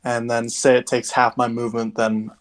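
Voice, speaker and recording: A man's voice: medium pitch, completely flat delivery, moderate pace, low-quality recording. A man with a mid-range voice playing in a tabletop game. He thinks aloud casually and works out his moves as he speaks. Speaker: player.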